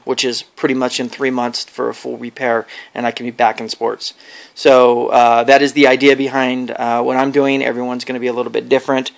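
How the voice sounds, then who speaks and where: A man talking casually in a personal vlog, explaining things in a hesitant, halting way. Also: medium pitch, creaky. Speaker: vlogger.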